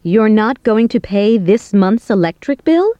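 A woman playing a young woman who talks about bills and plans with a friend, in a scripted language-course dialogue, speaking clearly and carefully. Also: fairly high pitch, big pitch swings, moderate pace, warm tone, no echo, lo-fi sound. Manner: clear, careful everyday speech.

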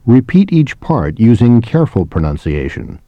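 A man giving scripted instructions as the narrator of a language course, reading each one in a slow, measured way. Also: medium pitch, big pitch swings, warm tone, no room sound, lo-fi sound.

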